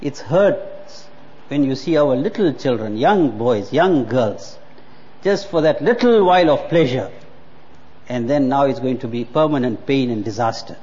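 A man's voice: medium pitch, expressive, measured pace, darkish tone. A man, preaching a sermon earnestly and repeating words for emphasis. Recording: muffled hall with long reverb.

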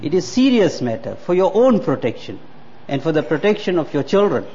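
A man's voice: on the high side, big pitch swings, a little fast, mellow. A man, preaching a sermon earnestly and repeating words for emphasis. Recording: muffled hall with long reverb.

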